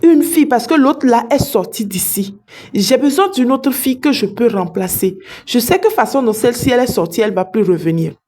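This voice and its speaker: An arrogant rich man who boasts of his power and waves money around, put on by a woman storyteller with a mellow, fairly high voice. He pushes and bargains without letting up. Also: animated, brisk. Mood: scheming. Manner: boastful, pressing.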